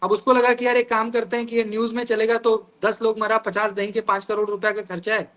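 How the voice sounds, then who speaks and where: A man's voice: high-pitched, little pitch movement, fast talker, fairly bright tone. A man teaching an online exam-prep class over a video call, explaining terms through everyday examples and often calling the students "guys".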